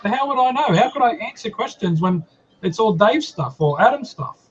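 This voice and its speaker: Male co-host, relaxed explainer, slightly high voice, lo-fi sound. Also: moderate pace, husky. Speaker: yowie group organiser. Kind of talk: casual online hangout chat. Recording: lo-fi call audio.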